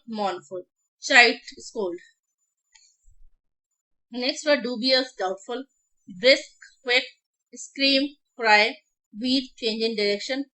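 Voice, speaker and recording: A woman's voice: fairly high pitch, pushed and bright. An Indian woman, a Hindi speaker, teaching exam vocabulary online, drilling words by repetition with memory tricks. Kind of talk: online exam-prep lesson.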